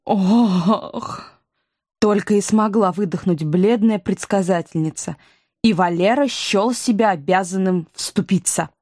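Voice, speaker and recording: A woman reading an audiobook with expressive, lively delivery. Her voice is mid-pitched and the recording is dry and close. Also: moderate pace, dry recording. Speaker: audiobook narrator. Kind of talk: audiobook narration and character reading.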